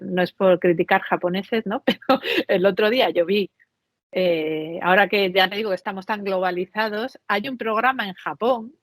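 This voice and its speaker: Woman podcast guest, chatty storyteller, mid pitch, dry close recording. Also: no echo. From Mexico and Spain. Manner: chatty, animated storytelling with frequent tag questions. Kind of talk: conversational interview.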